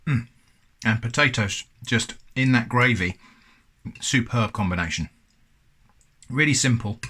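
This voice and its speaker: A man's voice: medium pitch, a bit bright, breathy edge. An English man hosting a casual food review, chatty and thoughtful with a self-deprecating touch.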